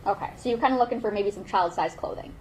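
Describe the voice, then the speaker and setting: A woman questioning a witness in formal, measured steps, heard from a courtroom recording. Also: mid-range voice, slight background noise, rough recording. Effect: played from a courtroom recording.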